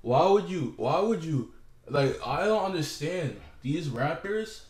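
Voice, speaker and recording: A man's voice: a little high, expressive, takes it slowly, darkish tone, reverberant. A young man vlogging an angry, profane rant to the camera, repeating himself as he goes.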